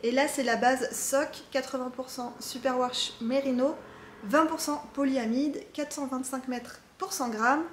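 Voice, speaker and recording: A woman's voice: sits high, steady tone, measured pace, a little hiss or hum. Chatty French-speaking woman in roomy workshop. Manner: chatty, lots of fillers and restarts. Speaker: knitting vlogger. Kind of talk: casual chat to camera. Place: home craft workshop. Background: jackhammer from far off.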